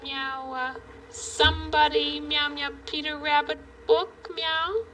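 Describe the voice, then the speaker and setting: A woman playing a sweet, timid pussycat puppet on a children's show, speaking in halting phrases padded with meows. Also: high-pitched, fairly even intonation, fairly bright tone, distant mic, a little hiss or hum, rough recording. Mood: wistful. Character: Henrietta, sweet timid female pussycat puppet who meows between words.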